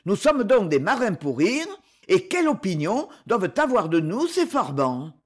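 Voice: mid-range voice, sing-song, moderate pace. A reader voicing a pompous old male sea captain who gives a rousing, declamatory speech in an audiobook. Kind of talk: audiobook reading.

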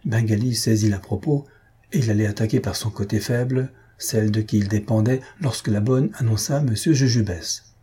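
A man reads a novel aloud as an audiobook narrator, measured and even. His voice is dark and mellow with a very breathy, husky grain. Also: fairly low pitch.

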